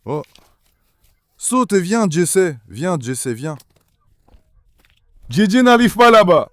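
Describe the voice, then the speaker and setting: A man's voice: high-pitched, very animated, slow, a bit bright, a little hiss or hum. A young man vlogging casually from his backyard pool, calling and coaxing his dogs with affection. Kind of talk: casual vlog chat.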